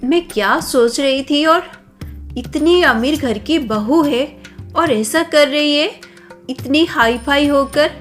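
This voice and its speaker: A woman's voice: sits high, takes it slowly, a bit bright, soft background music, pitched above the performer's own voice. A woman voicing a naive, kind young wife who grows flustered, in a cartoon story. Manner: trusting, flustered.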